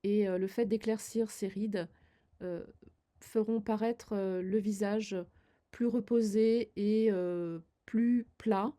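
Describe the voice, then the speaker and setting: A woman's voice: mid-range voice, fairly even intonation, slow pace, dark tone. An older woman demonstrating a makeup routine, giving hesitant, friendly advice to viewers with many fillers. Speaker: beauty vlogger. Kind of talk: makeup tutorial, demonstrating as she talks.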